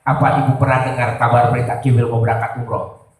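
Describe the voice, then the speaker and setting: A man's voice: medium pitch, level tone, fast, a little mellow. A man giving a humorous sermon, telling stories and praying aloud dramatically to the audience. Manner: storytelling, addresses the audience often, prays aloud dramatically. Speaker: comedic preacher. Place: live event before an audience. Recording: very echoey, distant live venue.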